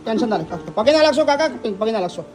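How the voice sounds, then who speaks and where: A man hosting and interviewing, asking gentle questions and reassuring the people he talks to. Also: extremely high pitch, expressive, racing, faint music behind. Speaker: host and interviewer. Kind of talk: consoling interview.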